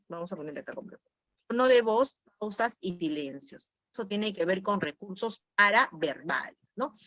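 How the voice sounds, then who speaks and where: A woman's voice: medium pitch, a bit bright, no echo. A woman teaching an online class for teachers, going over quiz answers, naming students and repeating key words. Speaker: teacher training instructor.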